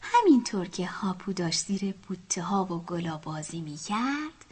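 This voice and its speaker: A woman reading a children's animal story aloud in a soft, hushed whisper. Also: lowish voice, big pitch swings, noisy background. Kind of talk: whispered bedtime story narration.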